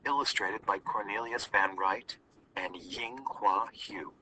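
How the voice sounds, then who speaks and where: A male teacher reads a storybook aloud for his class in a clear, steady voice. The tone is very bright and sharp, and he sits back from the microphone, so faint background noise comes through. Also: lowish voice, takes it slowly, recorded from a distance, poor audio.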